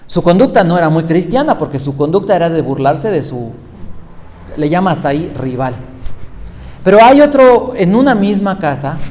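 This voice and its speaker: Pastor preaching in an echoey hall. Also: male voice, high-pitched, a little mellow. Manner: questioning, exhorting, retelling Bible stories. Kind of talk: sermon. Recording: echoey hall with faint noise.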